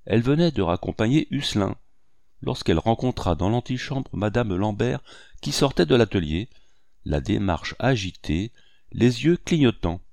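A man giving a measured, even literary audiobook narration. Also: fairly low pitch, creaky, no echo, studio quality.

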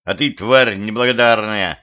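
A man voicing a brash male gang leader who shouts in crude street slang, in a home audiobook. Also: fairly low pitch, moderate pace, lo-fi sound, close to an everyday voice. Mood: angry.

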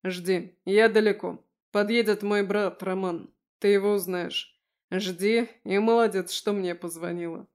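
Female reader as a brisk, no-nonsense man on the phone, clipped questions. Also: mid-range voice, steady tone, lightly acted. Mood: reassuring. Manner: clipped, matter-of-fact. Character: curt calm man on the phone, commanding.

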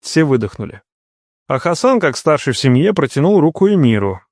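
A man reading a first-person novel aloud as an audiobook narrator, expressive, on a close studio mic. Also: fairly high pitch, fairly quick, no echo. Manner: expressive storytelling.

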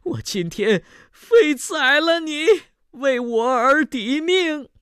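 A male storyteller voicing an old mother who has lost her son, with shrill, wailing bursts. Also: lively intonation, takes it slowly, vocal fry, dry recording, studio quality, exaggerated voice. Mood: enraged wailing. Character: grieving furious old mother of fallen son.

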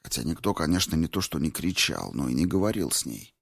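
A man calmly reading a first-person story aloud in a measured, sober way. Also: rumbling low, vocal fry, slightly rough, no echo, studio quality.

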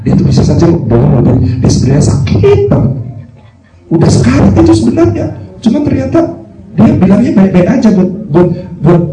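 A man's voice: high-pitched, very animated, brisk, loud music behind the voice, pitched above the performer's own voice. Man doing a sly wheedling devil tempter, insinuating, echoey hall, distant mic. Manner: coaxing, insinuating.

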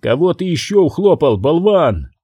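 A male audiobook reader voicing a furious middle-aged crime boss who shouts and bites off each word. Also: fairly high pitch, sing-song, moderate pace, breathy edge, dry recording, clean studio sound, pitched above the performer's own voice.

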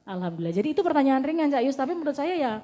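A woman's voice: sits high, sing-song, racing, dark tone. A woman, a mother and guest speaker, telling anecdotes to an audience and quoting her children in a firm, plain way. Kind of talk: casual talk to audience. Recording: long hall reverb.

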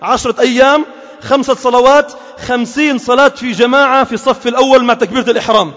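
A man delivers a fervent Friday sermon, pressing his points and climbing to shouted calls. His voice is pitched very high. The sound rolls around a big, reverberant mosque hall. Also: steady tone, fast. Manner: impassioned, rising to shouted exhortation. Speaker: Friday preacher.

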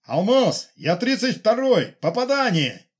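A man doing a frantic pilot shouting over radio. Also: high-pitched, sing-song, a little slow, breathy edge, voice pushed up, heavily acted. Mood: urgent. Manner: urgent shouted radio reports.

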